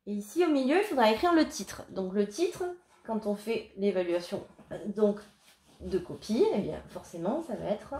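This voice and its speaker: Patient woman teacher dictating in echoey room. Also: medium pitch. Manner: slow, clear, patient dictation. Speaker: primary school teacher. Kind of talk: remote lesson for young children.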